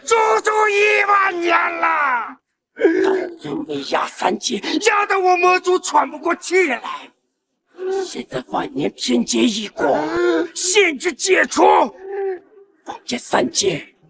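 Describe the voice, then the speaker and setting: A raging demon lord in a fantasy drama, high-pitched and gritty with creak. He gloats and threatens theatrically, sliding from a slow menacing hiss to a roar. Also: expressive, fairly bright tone, full character voice. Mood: triumphant roaring. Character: gloating, raging male demon-lord villain, half-step heavenly demon. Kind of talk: Chinese fantasy short-drama acting.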